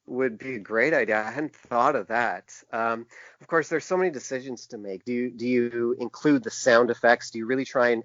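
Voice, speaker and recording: An author and publisher, appearing as a podcast guest, speaks casually in a mid-range, slightly bright voice. He is thoughtful and halting, restarting phrases as he works through his ideas. The sound is close and dry with no echo, slightly dull in fidelity.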